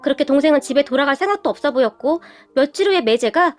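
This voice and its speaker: A woman narrating a family story in a lively, gossipy way. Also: high voice, quick pace. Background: faint background music.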